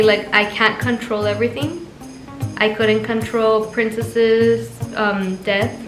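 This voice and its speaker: A woman, a wife and family vlogger, telling a personal story to the camera in an earnest, reflective way. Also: medium pitch. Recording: echoey room with soft music.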